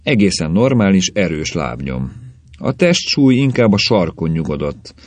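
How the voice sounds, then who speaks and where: A man voicing a calm, matter-of-fact male police official who explains things dryly. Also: low voice, no room sound. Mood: explaining.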